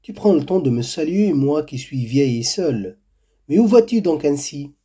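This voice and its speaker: A man's voice: fairly high pitch, expressive, moderate pace, breathy edge. Man putting on a kind old village woman. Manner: warning, gently admonishing.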